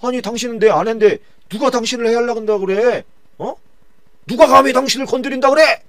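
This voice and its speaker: A man's voice: mid-range voice, expressive, brisk, darkish tone, natural voice. A man voicing a blunt, commanding ancient king in a dramatized Bible retelling. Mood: enraged. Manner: imperious and blunt. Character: commanding, hot-tempered ancient male king.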